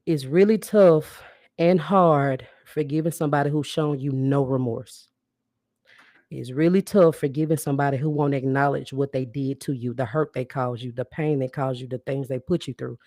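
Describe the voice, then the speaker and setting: A woman's voice: very deep voice, steady tone, moderate pace, warm tone, no room sound. Woman, podcast host, blunt, casual, talks straight to her audience, dry close sound. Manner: blunt, casual, addresses listeners directly as sis and baby; greets viewers and asks them to interact. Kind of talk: live-streamed podcast monologue.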